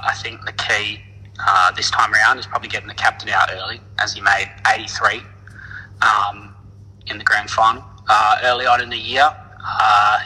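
An Australian club cricketer calls in as an interview guest, chatting in a laid-back, slangy, blokey way like an Aussie tradie. His voice is lowish, sharp-toned and slightly rough, heard in a large hall on a rough recording.

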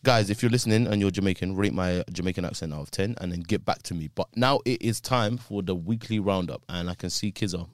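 A man hosting a casual football podcast, lively and slangy, quick to laugh. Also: low-pitched, no echo, clean studio sound. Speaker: podcast host.

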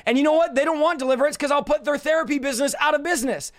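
A man with a hoarse, raspy voice worn out from yelling, preaching in an emphatic, combative and informal way on a livestream. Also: extremely high pitch, racing. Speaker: preacher and deliverance minister. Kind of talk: livestreamed sermon, informal teaching.

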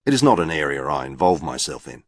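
Deep, dry, deadpan male narrator. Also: quick pace, no room sound. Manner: precise, formal and deadpan. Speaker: audiobook narrator. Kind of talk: first-person novel narration.

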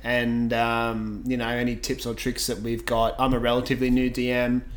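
A man co-hosts a casual tabletop-gaming podcast in a relaxed, rambling way, laughing easily between points. His voice sits in a middle pitch. A faint hiss runs under it. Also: normal speed. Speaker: podcast co-host.

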